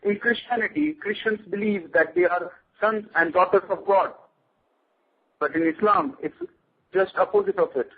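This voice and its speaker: A man's voice: high voice, lively intonation, moderate pace, husky. A man speaking as a guest on a radio show, lecturing emphatically. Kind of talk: radio interview. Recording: tinny phone line.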